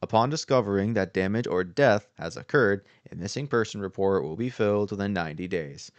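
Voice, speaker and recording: A man's voice: on the low side, lively intonation, a little fast, no echo. A man voicing an affable, nervous office worker who leaves a rambling, reassuring phone message from a game script. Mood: reading formally.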